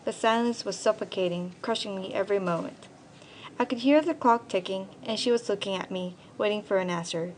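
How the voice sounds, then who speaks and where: A woman's voice: medium pitch, fairly quick, a little mellow, slight background noise, rough recording. A young teenage girl from Korea reading her own personal essay aloud, in a careful, earnest storytelling manner. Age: young teen. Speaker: student essayist.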